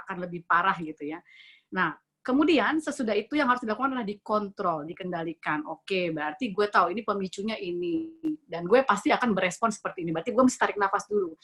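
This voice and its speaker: Lively woman coaching on emotions. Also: medium pitch. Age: 40s. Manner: lively, mixing in English phrases, acting out quoted voices. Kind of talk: motivational talk on managing emotions.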